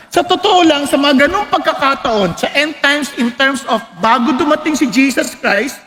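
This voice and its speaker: Male preacher, animated sermon, bright piercing tone, echoing hall. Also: very high-pitched. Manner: animated, switches between Tagalog and English, shouts scripture for emphasis.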